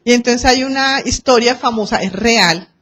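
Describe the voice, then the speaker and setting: A Colombian woman lecturing a class on arbitration, lively and acting out quoted exchanges and anecdotes. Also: a little high, moderate pace.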